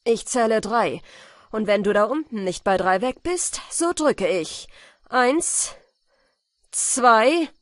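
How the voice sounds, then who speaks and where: A woman voicing a bold young male huntsman who shouts loud, commanding threats. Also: high voice, normal speed, vocal fry, breathy edge, dry recording, studio quality, full character voice. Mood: fierce shouting.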